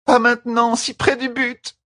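A man voicing a desperate, trapped noblewoman who cries out in shrill, wailing tones. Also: completely flat delivery, unhurried, pushed and bright, full character voice.

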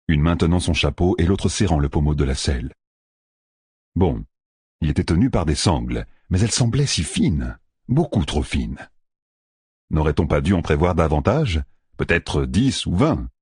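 A man reads a fantasy audiobook with a deep, husky voice. His pitch roams widely as he tells the story with expressive drama. The sound is dry and close. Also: no echo. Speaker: audiobook narrator. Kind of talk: scripted narration.

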